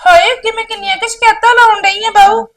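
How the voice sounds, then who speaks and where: A woman's voice: extremely high pitch, fairly even intonation, fast, fairly bright tone. A woman playing an exasperated elder sister, scolding her younger sibling in a village drama. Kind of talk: village short film acting.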